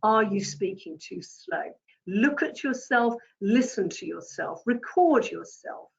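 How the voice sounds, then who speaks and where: A woman teaching presentation skills as a communication coach, deliberate and emphatic, stressing words differently to make her points. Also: medium pitch, lively intonation, creaky, highs cut off.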